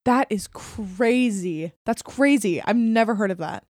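A woman's voice: mid-range voice, a little slow, darkish tone, no echo, studio quality. A young woman co-hosting a casual podcast, reacting with laughter and swearing. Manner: giggly, reactive, swears, quotes TV lines in funny voices. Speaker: podcast co-host. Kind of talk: casual chat.

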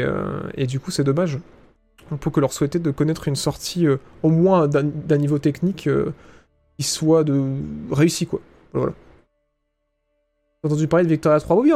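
A young man with a French accent talks loosely on a live stream, full of hesitations and fillers as he reads the chat. His voice sits a little high and sounds mellow and soft. Faint music plays behind him. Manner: casual, hesitant with many fillers.

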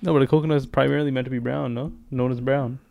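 A man's voice: mid-range voice, steady tone, very fast, creaky, mellow, dry recording, clean studio sound. A man in his twenties co-hosting a podcast, bantering casually like a frat bro with slang and swearing. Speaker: podcast co-host.

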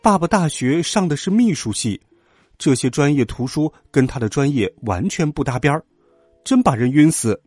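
Lively husky man reading a children's story. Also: a little high, moderate pace, no room sound, studio quality, soft background music. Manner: lively, dramatic first-person telling. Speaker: narrator.

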